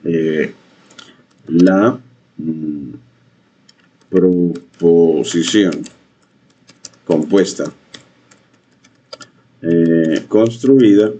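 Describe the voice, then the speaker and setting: Slow, halting man with a deep dark voice. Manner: halting, many fillers and pauses, repeats phrases. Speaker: teacher. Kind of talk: screen-share coding lesson. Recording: dull lo-fi mic.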